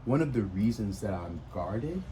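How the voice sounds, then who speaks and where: A man's voice: lowish voice, very animated, normal speed, background noise. A man hosting a casual porch conversation, speaking earnestly and reflectively with occasional laughs. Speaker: podcast host.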